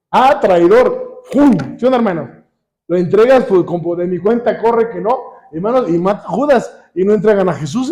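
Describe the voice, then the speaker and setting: A man with a Mexican accent preaching a sermon, constantly asking the congregation questions and pausing for them to finish his sentences. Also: high voice, mellow. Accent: Mexican Spanish. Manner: calls on the congregation with repeated questions.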